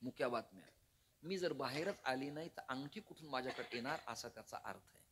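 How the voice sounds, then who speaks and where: A man preaching a devotional kirtan sermon. He tells the story dramatically and acts out its characters, dropping to a hush and then rising loud, and jokes with the audience. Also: mid-range voice, animated, a little fast, a little hiss or hum.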